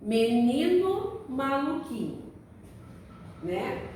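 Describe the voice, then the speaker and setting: A woman with a high, lively voice teaches young children at a slow, patient pace, repeating words so they can follow. She sounds set back from the mic in a very echoey room. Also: recorded from a distance, slight background noise. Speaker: primary school teacher. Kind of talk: recorded remote class lesson.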